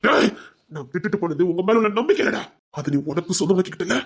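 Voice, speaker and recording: An actor playing a bitter, vengeful man who swears revenge in a TV serial, threatening, at times shouting and at times sobbing. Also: animated, quick pace, vocal fry, breathy edge, heavily acted. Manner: bitter, menacing, swings loud to low. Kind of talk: TV serial drama.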